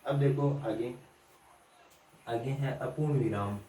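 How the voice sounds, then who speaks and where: A man teaching an online grammar lesson, explaining slowly and repeating points with questions for the students. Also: mid-range voice, warm tone, slight background noise. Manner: slow, repetitive explaining with quiz-like questions to students. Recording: echoey room from a distance.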